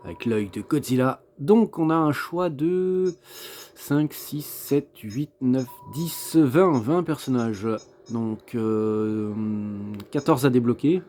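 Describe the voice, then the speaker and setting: A man's voice: medium pitch, slow pace, warm tone. A man giving casual gameplay commentary as a game reviewer, thinking aloud and hesitant, with many fillers. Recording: clear background noise.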